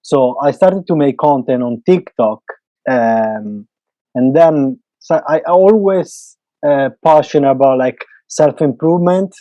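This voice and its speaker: A man in his twenties from Italy hosts a casual podcast chat in English with an Italian accent, eager and talkative though he searches for words. His voice is medium in pitch with a dark tone and a measured pace. The recording is dry and muffled.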